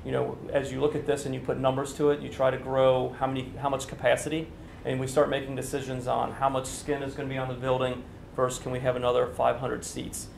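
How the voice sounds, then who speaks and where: A construction official in his forties answers questions at a press briefing in an indoor conference room, speaking into a standing mic while a TV camera records. He explains things in a businesslike way with many fillers, fast and completely flat, in a medium-pitched voice that is creaky and a little mellow. The room is echoey, with slight background noise.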